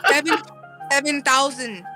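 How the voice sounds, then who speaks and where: A woman's voice: high voice, measured pace, loud music behind the voice. A woman in a casual gaming podcast chat, blunt, profane and defensive.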